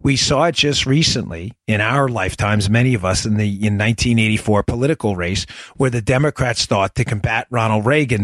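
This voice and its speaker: A man's voice: fairly low pitch, a bit bright, no echo. Emphatic man hosting a show. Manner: emphatic, rambling, with frequent restarts. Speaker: radio show host. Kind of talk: political commentary monologue.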